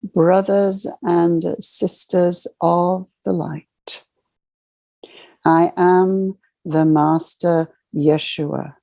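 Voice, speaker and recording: A woman acts as a solemn spiritual guide in a channeled guided meditation, delivering measured, ceremonial short phrases. Her voice is fairly low and dark in tone, with no echo present.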